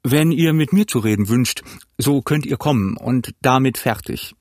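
A man's voice: medium pitch, normal speed, a little mellow, no echo, clean studio sound, lightly acted. A man voicing a stern, wary ship's captain who gives curt orders in an audiobook. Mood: cold. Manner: curt, commanding. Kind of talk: audiobook character voice.

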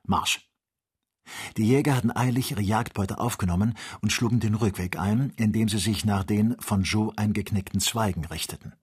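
A man reading an audiobook, narrating with steady, vivid storytelling. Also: fairly low pitch, brisk, few pauses, husky. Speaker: audiobook reader. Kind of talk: scripted narration.

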